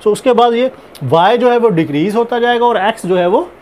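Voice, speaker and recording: A man teaching a recorded math lecture, explaining step by step in a slow, deliberate way, mixing in English math terms and leaning on repeated filler phrases. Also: extremely high pitch, a little mellow, slight background noise.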